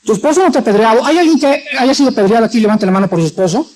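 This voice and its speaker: Predicador mexicano dramático. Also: male voice, very high-pitched, lively intonation, racing, a little hiss or hum, poor audio. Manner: dramatic, acts out quoted voices, shifts between loud and soft. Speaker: preacher. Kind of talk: sermon. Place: church.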